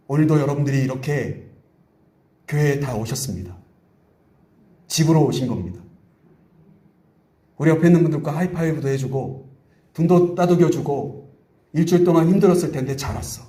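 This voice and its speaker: Korean pastor preaching in an echoey church. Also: male voice, fairly high pitch. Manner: animated storytelling, acts out quoted voices. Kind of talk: sermon. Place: church sanctuary.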